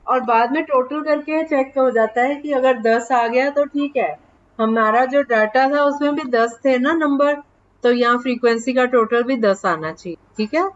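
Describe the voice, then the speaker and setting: A woman math teacher giving a class, patient and often checking that the students follow, dictating numbers slowly. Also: high-pitched, dull audio. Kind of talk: online class lesson in Hindi.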